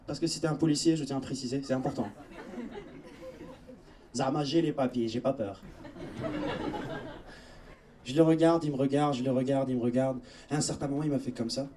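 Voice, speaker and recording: A man's voice: medium pitch, moderate pace, pauses often, warm tone, far from the mic. A young man from Algeria, telling stories in a chatty stand-up comedy set on a theatre stage, speaking straight to the audience. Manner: chatty storytelling, addresses audience directly.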